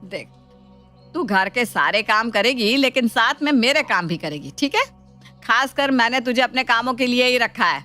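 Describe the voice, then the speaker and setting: A woman voices a spiteful cartoon mother-in-law who taunts without letting up. Her voice is high and bright, with soft music behind it. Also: lively intonation, normal speed. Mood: taunting. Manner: taunting, mocking. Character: scheming, sharp-tongued mother-in-law, taunting. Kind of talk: cartoon voice acting.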